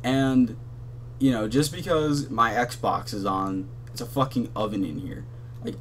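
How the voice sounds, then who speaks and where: A young man hosting a gaming channel rambles casually from his hot bedroom at his console, using lots of fillers and swearing. His voice is mid-range and monotone, with a little hiss or hum in the recording.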